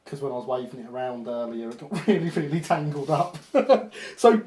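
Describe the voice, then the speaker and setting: A man's voice: medium pitch, normal speed, a little mellow, echoey room. A British man hosting a model railway livestream, chatting casually and laughing at himself while he works. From Britain. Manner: jokey, self-mocking, laughs often. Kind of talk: casual live-stream chat.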